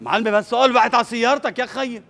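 A man's voice: very high voice, rapid-fire, fairly bright tone. A man pulling a street prank, insistently repeating his complaint to a driver. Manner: insistent, repeats himself, plays the wronged neighbor. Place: city street outdoors by parked cars.

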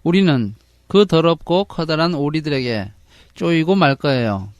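A man reading the part of a fretful mother in a storybook, slowly and carefully, then translating each line into Korean. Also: on the high side, animated, no room sound, muffled recording. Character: fretful mother duck-hunter turned bird.

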